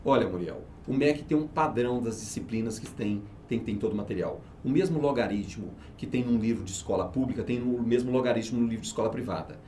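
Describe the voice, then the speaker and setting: In an interview, a man who works as a research and market manager explains how he teaches, speaking quickly and almost without pausing in a mid-range, dark-toned voice. He is persuasive and emphatic, often posing rhetorical questions and answering them himself. There's slight background noise.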